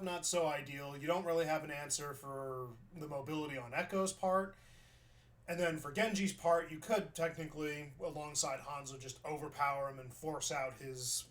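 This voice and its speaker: Reviewing gameplay footage, a New Yorker offers loose, chatty commentary in a slightly high voice, musing out loud and frequently starting his sentences over.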